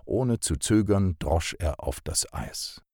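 Deep-voiced male audiobook narrator. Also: expressive, takes it slowly, a little mellow, breathy edge, no room sound, clean studio sound.

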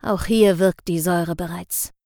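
A woman voicing a gruff, stubborn bearded male professor who grumbles and lectures. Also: lowish voice, fairly even intonation, a little slow, dark tone, no room sound, studio quality. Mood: lecturing. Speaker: field researcher.

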